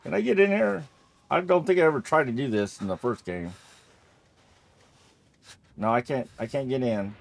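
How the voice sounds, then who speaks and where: With a mid-range voice, vocal fry, and frequent pauses, a man talks at normal speed through a horror game playthrough. The Let's Play commentary is casual and meandering, as he thinks aloud and repeats himself often.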